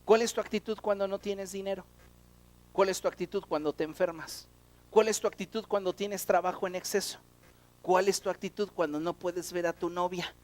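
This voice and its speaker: High-voiced animated preacher man. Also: moderate pace. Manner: animated preaching with rhetorical questions. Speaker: pastor. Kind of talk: sermon.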